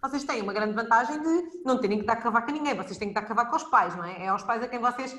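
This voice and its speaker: A woman with a European Portuguese accent and a fairly high voice talks at a very quick pace. It is a casual debate, recorded in a roomy, echoing space. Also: expressive, fairly bright tone. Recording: echoey room.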